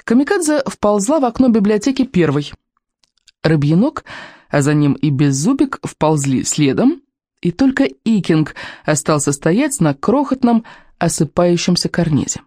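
An audiobook reader narrating a children's adventure book in a lively, expressive storytelling manner. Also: medium pitch, moderate pace, no room sound, studio quality.

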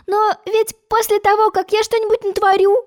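A woman's voice: very high-pitched, little pitch movement, normal speed, voice pushed up. A woman voicing an earnest, curious seven-year-old girl. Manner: plain, questioning, a little teasing.

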